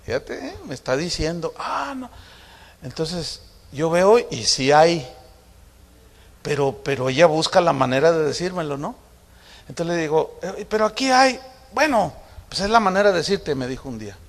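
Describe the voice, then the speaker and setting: A man's voice: a little high, moderate pace. A middle-aged man, preaching a sermon in a conversational, storytelling way, acting out family conversations with humor. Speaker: pastor. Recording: long hall reverb.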